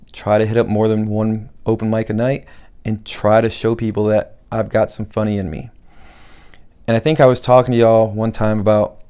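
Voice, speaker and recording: Slow-talking, mellow-voiced man hosting a podcast. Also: on the low side, smooth. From Buffalo, New York. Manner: talks slowly on purpose, rambling with restarts. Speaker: podcast host and comedian. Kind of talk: casual solo podcast monologue.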